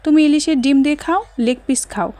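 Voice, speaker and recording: A woman voicing a calm, stern grown man in an audio story, speaking in a firm, dry way. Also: high voice, fairly quick, dry recording, close to an everyday voice.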